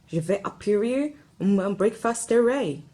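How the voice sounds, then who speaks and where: Here the vlogger, a young woman, talks at normal speed in a mid-range voice, her morning heaviness still audible. Recorded on a phone or handheld camera, she moves from home to outdoors, speaking candidly and occasionally switching to French.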